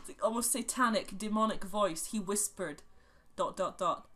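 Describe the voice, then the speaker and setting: A man's voice: sits high, moderate pace, crowd noise. A man reading a bad horror story aloud in a mock-dramatic way, dragging out words and reading the punctuation. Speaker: reader of a creepy story.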